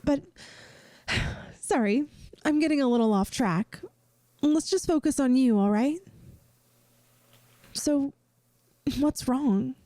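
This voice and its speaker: Slow and high-pitched, with frequent pauses and no echo, a woman voices a caring young best friend for a soft ASMR roleplay. She's gentle, earnest, and reassuring, at times hesitant, and the mood comes across as hesitant but helpful.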